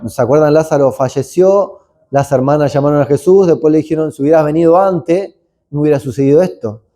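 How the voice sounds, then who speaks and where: A man's voice: on the high side, fairly quick, warm tone. A male pastor preaching a conversational sermon, full of asides, tag questions like "¿no?", and acted-out sounds. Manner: conversational, rambling asides, frequent "¿no?" tags; acts out sounds and screams.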